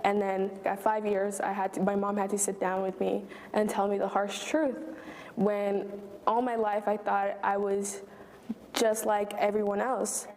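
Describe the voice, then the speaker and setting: Young woman, flat and subdued, in a reverberant room. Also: medium pitch, unhurried, a little hiss or hum. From Mexico, raised in the US. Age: 20s. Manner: flat, subdued telling with fillers. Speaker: interviewee. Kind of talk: personal interview. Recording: long hall reverb.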